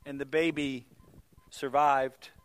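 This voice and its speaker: A middle-aged male pastor telling stories in a sermon, swinging from loud exclamations to hushed, near-whispered moments. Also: medium pitch, level tone, slow pace, clean tone.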